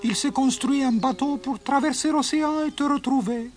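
A woman doing a big helpful pigeon, high and urgent. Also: normal speed, a little mellow, lightly acted. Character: large kind pigeon, urgent helper. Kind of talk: audiobook character voice.

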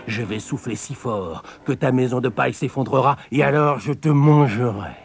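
A man voicing the big bad wolf in a storybook reading, coaxing sweetly and then threatening loudly. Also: mid-range voice, moderate pace, creaky, soft background music, pitched above the performer's own voice, lightly acted. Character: big bad male wolf, sly and hungry.

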